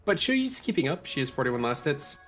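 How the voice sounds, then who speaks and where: Bright, forceful man analysing a game. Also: on the high side, very animated, fairly quick, faint music behind. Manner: explanatory, breaks down items and strategy. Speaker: esports commentator. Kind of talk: analytical live game commentary.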